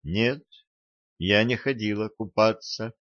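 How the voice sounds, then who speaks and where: Betrayed woman, read by a man, cold, quiet, indifferent, slow, dull lo-fi audiobook recording. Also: lowish voice, animated, no echo.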